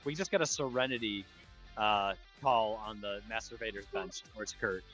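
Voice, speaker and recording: An American man giving relaxed color commentary on a floor hockey game, chatty with fillers and restarts. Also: lowish voice, normal speed, soft background music, rough recording. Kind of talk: amateur live sports commentary.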